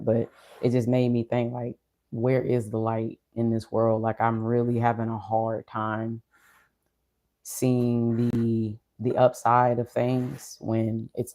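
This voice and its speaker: Low, unhurried, mellow voice, even and subdued. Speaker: streamer or vlogger. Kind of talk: casual reflective monologue to an audience.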